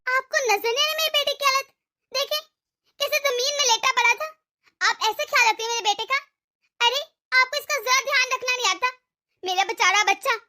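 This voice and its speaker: A woman's voice: very high voice, fairly quick, sharp tone. A woman voicing a bossy, impatient young daughter-in-law in a cartoon, scolding sharply. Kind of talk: cartoon dub voice acting.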